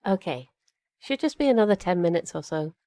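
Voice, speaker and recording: In an audio drama, a woman plays a cheerful, chatty young witch who rambles a little hesitantly and is eager to please, alongside a tall, rabbit-eared druid companion. Her voice sits on the low side, fairly quick and warm, with lively intonation and no echo. The mood is easygoing, with music in the background.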